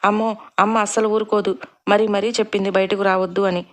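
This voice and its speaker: A woman voicing a shy young bride in a storybook, soft and timid. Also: mid-range voice, little pitch movement, fairly quick, natural voice.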